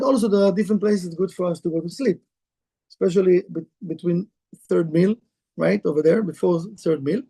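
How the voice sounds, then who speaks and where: Guy with a pretty high voice giving a casual spiritual talk, broken english, keeps asking the room stuff. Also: dark tone, slightly rough. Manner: conversational, broken English, asks the room questions. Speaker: Kabbalah teacher. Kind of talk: informal spiritual lecture to a live group.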